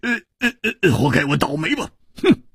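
A hot-headed swordsman, as a male storyteller puts him on stammers and blusters in high, loud bursts. The voice stays husky and is heard up close and dry. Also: wildly swooping pitch, fairly quick, no room sound, full character voice. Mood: hot, blustering.

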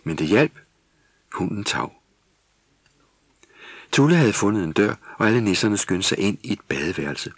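A man narrating a Christmas children's story in steady, scripted storybook style. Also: on the low side, long pauses, dry recording.

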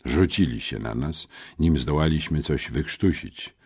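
An older man with a husky voice narrating an audiobook in an animated storytelling manner. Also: a little slow. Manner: animated storytelling, lively shifts in pitch. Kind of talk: scripted narration.

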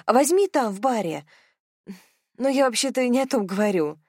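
A woman's voice: on the high side, expressive, moderate pace, a little mellow, no echo, clean studio sound, pitched above the performer's own voice. A woman voicing a young, anxious bride-to-be in an audiobook, speaking in a raised, flustered voice. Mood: worried.

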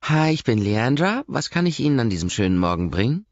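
A man reading an audiobook voices a bubbly, eager young waitress in a quick, chirpy manner. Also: mid-range voice, sing-song, no echo, lo-fi sound, voice pushed up.

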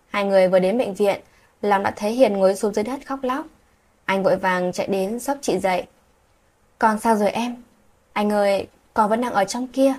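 A woman's voice: mid-range voice, darkish tone, slightly rough. A woman telling a late-night story aloud, reading every character's lines herself.

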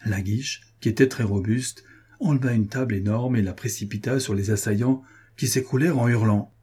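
A man narrating an audiobook in a measured, even reading. His voice is dark and husky, low in brightness and a little rough. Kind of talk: scripted narration.

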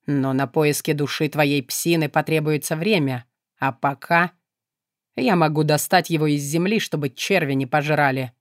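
A woman's voice: sits low, normal speed, no echo, clean studio sound, voice pushed down, close to an everyday voice. A woman voicing a cold male shadow demon. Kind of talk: audiobook character voice.

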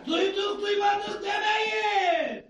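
An actor playing a bossy village watchman in a radio play, calling out drawn-out shouted announcements like a town crier. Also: extremely high pitch, steady tone, heavily acted. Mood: loud proclaiming. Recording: very echoey, distant, music and crowd behind.

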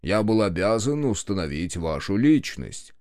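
A man voicing a smug, stern police sergeant who speaks in a gruff way. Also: fairly low pitch, sing-song, measured pace, a little mellow, no room sound, clean studio sound.

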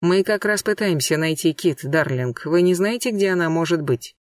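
A cool-headed female police sergeant, as a male reader puts her on, speaks calmly and in a businesslike way, in a slightly high voice. The audiobook sound is dry and a little off-mic. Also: moderate pace, no echo, distant mic, close to an everyday voice.

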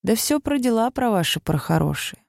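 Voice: medium pitch, very animated, normal speed, creaky, darkish tone, no room sound, studio quality, voice pushed up. A reader voicing a suspicious merchant husband who speaks in insinuating threats. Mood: menacing. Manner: menacing, insinuating.

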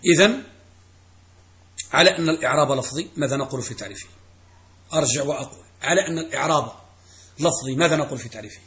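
A man's voice: a little high, racing, long pauses, a bit bright. A middle-aged man teaching a classroom grammar lesson as a religious teacher, quizzing students and repeating key phrases.

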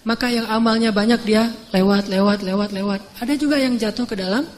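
A young man preaching casually at a live lecture, telling the story in relaxed everyday speech, acting out dialogue and growing soft and slow at moving points. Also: sits high, slight background noise. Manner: conversational, slangy, acts out dialogue; slows and softens at emotional points. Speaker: Islamic preacher. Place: live lecture venue with audience. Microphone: audience phone recording.

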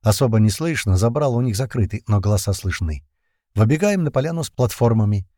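A man narrating a first-person action audiobook, tense and urgent, loudly shouting the characters' lines. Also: on the low side, animated, a little fast, dry recording, studio quality.

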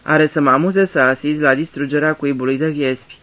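A man's voice: fairly high pitch, steady tone, a bit bright, close to an everyday voice. A man voicing Poirot, a fussy, courteous older detective, in a radio drama reading, talking patiently like a teacher. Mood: courteous probing. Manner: polite, patient, explaining like a teacher.

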